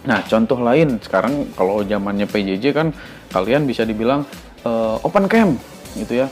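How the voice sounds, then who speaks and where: A young male teacher giving a casual spoken lesson on manners to his students, chatty and emphatic, often ending phrases with a questioning filler. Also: lowish voice.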